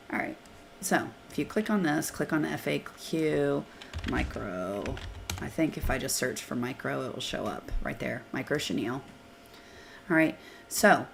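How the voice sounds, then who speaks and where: A sick woman whose hoarse voice sits very low and gravelly hosts a live software Q&A. She talks casually and thinks aloud as she clicks through screens, over a faint hiss from a computer mic. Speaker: software trainer hosting a live Q&A.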